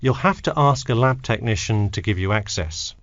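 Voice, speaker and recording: A man playing a helpful, matter-of-fact university tutor in a scripted textbook dialogue, with deliberate intonation. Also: on the low side, animated, no echo, dull audio, lightly acted. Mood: advising. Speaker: academic adviser in a listening-test dialogue.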